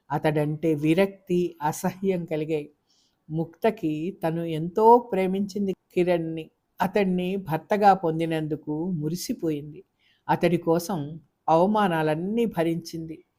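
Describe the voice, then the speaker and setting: Telugu audio నవల చదివే కథకులు, సన్నివేశాల ఉద్రిక్తతను గొంతులో నింపుతూ చెబుతారు. నెమ్మదిగా, భావంతో సాగే కథనం. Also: medium pitch. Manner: expressive, dramatic reading. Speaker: audiobook narrator. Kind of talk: scripted novel narration.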